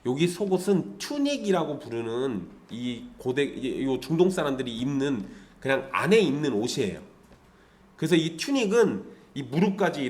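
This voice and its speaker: Animated Korean pastor preaching. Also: male voice, mid-range voice. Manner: lively, conversational preaching with rhetorical questions to the congregation. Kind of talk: sermon.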